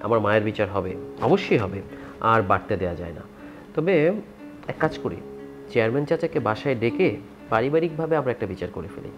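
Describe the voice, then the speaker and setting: A man's voice: medium pitch, big pitch swings, fast, pauses often, over music. An actor playing a henpecked elder son who sides with his wife against his mother. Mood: placating. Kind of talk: village TV drama acting.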